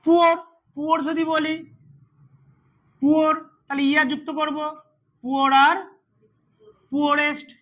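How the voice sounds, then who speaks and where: A man's voice: very high voice, level tone, unhurried, pauses often, a bit bright. A man teaching English grammar to a class, repeating words and quizzing his students as he goes. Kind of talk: classroom lesson.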